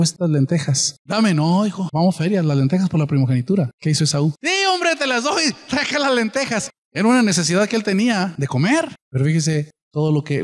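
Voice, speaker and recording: A man's voice: fairly high pitch, long reverb tail. A man preaching a sermon as pastor, often asking his congregation questions and acting out the people in his stories.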